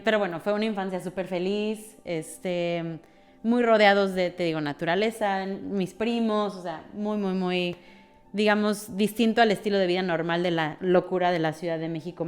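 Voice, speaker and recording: A woman's voice: on the low side, steady tone, moderate pace, faint music behind. A woman with a Mexican Spanish accent, a podcast guest who talks freely and thinks aloud with frequent fillers. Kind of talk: conversational interview.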